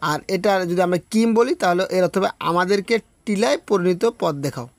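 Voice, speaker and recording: A man teaching a Quran recitation class online. He explains step by step, often checks in with "okay?", and chants verses slowly and drawn out. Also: sits high, no echo.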